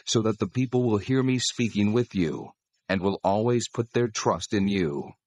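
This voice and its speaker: An actor playing God as a solemn, commanding lawgiver in dramatized scripture, speaking in a measured, authoritative way with a husky voice. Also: male voice, lowish voice, expressive, a little mellow, no echo.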